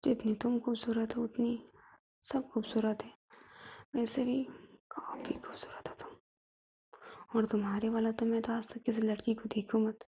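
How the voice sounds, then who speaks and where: A woman voicing a young female student in love, speaking in a soft, coaxing whisper as whispered role-play. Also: fairly high pitch, level tone, normal speed, slightly rough. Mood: tender. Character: young woman student, tender pleading lover.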